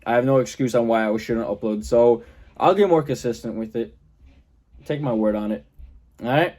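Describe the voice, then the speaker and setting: A young man vlogging a casual storytime about his car, animated, swearing freely and acting out the people in his quotes. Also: mid-range voice, normal speed.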